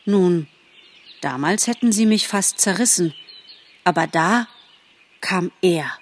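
A woman voicing a boastful, earnest young male deer in a spoken storybook, with a somewhat husky tone. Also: fairly low pitch, lively intonation, slow.

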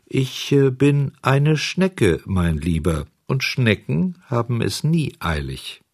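A man reading a storybook and voicing a calm female snail doorkeeper who speaks slowly, with drawn-out, unhurried words. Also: medium pitch, pitched above the performer's own voice. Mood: placid, unhurried.

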